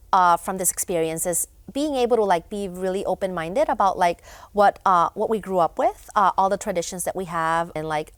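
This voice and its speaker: A woman's voice: on the low side, dry recording. A young woman from Honduras, a guest in a studio interview, talking casually with many fillers and restarts. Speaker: guest, event founder.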